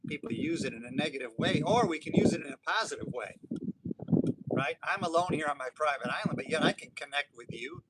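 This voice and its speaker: A man's voice: fairly high pitch, expressive, brisk, very noisy. A man in his sixties live-streaming outdoors on an island, talking in a rambling, motivational way with many restarts. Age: 60s. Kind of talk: casual live-stream monologue. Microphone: phone or camera for a live stream.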